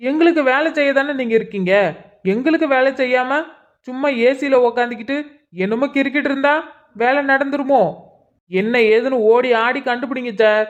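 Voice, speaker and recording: A woman voicing a hot-headed young man in a cartoon, who shouts accusations at the police. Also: medium pitch, lively intonation, brisk, highs cut off, natural voice. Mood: angry.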